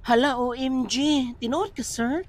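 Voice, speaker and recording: A woman's voice: high-pitched, a little slow, a little mellow. A woman playing a fretful patient. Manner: fretful, chatty, polite, says sir often. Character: anxious, chatty woman patient worried about blood pressure. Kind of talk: comedy sketch acting.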